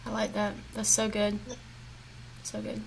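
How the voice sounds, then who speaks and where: A woman hosting a podcast, speaking reflectively and openly about her emotions in a relaxed, conversational way. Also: medium pitch, measured pace, vocal fry, a little hiss or hum, rough recording. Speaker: podcast host. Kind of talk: casual conversational interview.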